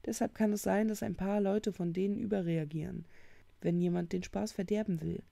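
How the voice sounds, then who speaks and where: A woman's voice: medium pitch, steady tone, brisk, gravelly, dark tone, no room sound. A woman voicing a teenage boy who brushes off worries and defends himself in a storybook reading. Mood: defensive. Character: dismissive teenage boy gamer.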